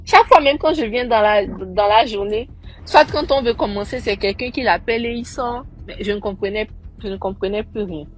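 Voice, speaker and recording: A woman's voice: mid-range voice, moderate pace. A young woman casually recounting a personal story, acting out the people she quotes. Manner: animated, acting out quoted voices.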